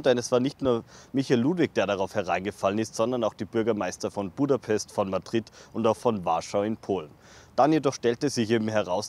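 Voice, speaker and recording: Low-pitched young male reporter. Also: darkish tone. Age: young adult. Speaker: TV news reporter. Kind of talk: live on-location news report. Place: outdoors in a city park. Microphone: handheld reporter microphone.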